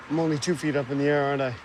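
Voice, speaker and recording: An actor playing a hapless but determined middle-aged dad in a family sitcom, hesitant and self-justifying. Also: male voice, medium pitch, background noise, natural voice. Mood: nervous, straining. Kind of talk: sitcom acting.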